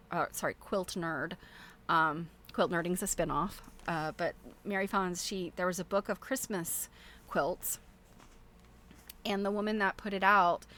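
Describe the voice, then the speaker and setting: A middle-aged woman hosting a quilting show chats casually while showing items to viewers. She thinks aloud in a rambling, chuckly way, her medium-pitched voice pushed and bright.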